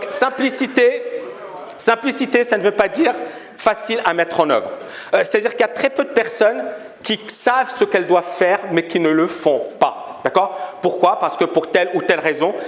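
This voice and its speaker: Animated man speaking in an echoey hall. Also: on the high side. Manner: animated, asks the audience questions, jokes. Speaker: speaker giving a talk at a trading fair. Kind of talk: lively public talk to a live audience. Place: large hall with a live audience.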